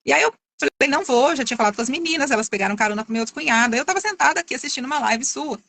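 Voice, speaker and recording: A middle-aged woman tells a long story in a high, bright voice and talks quickly. She is chatty and keeps restarting her phrases. The sound is dry and close, as on a video call. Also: animated, gravelly. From Minas Gerais, Brazil. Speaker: course student giving a testimonial. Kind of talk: casual testimonial on a live video call.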